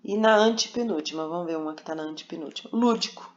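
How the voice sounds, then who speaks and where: A woman teacher giving a recorded remote lesson to young pupils, patient and coaxing, spelling out syllables slowly. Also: sits low, a little hiss or hum. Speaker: primary school teacher. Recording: dull lo-fi home recording.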